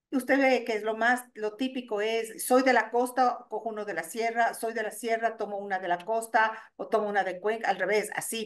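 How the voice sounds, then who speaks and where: A middle-aged woman, speaking as a radio interview guest. She explains things at length, pausing and restarting as she searches for words. Her voice sits at an ordinary middle pitch. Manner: thoughtful, many hesitations and restarts. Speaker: guest, NGO executive director.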